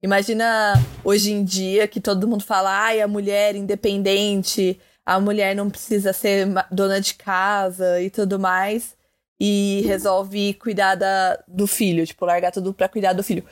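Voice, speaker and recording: A woman's voice: mid-range voice, flat delivery, unhurried. Thoughtful young woman in casual chat. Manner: thoughtful, talks through ideas with many fillers. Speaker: podcast co-host.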